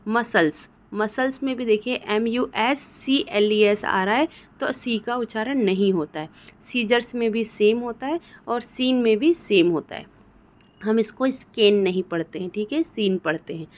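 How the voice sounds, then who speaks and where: A woman's voice: a little high, a little slow. A woman from India, patiently explaining English spelling rules as a teacher and often checking that her students follow. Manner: patient, repeats "theek hai" to check understanding.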